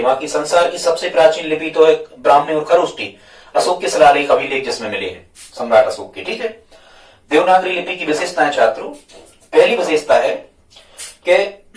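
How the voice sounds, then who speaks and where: A male teacher giving a whiteboard grammar lesson, patiently repeating his questions back to the students. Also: fairly high pitch. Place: classroom with a board. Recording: echoey room, mic far off.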